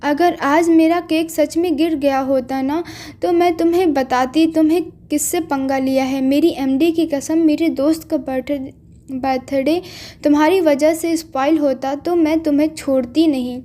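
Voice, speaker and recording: A woman's voice: high-pitched, fairly even intonation, a little slow, mellow. Feisty hot-tempered young woman, as a narrator reads her. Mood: angry. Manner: angry, scolding.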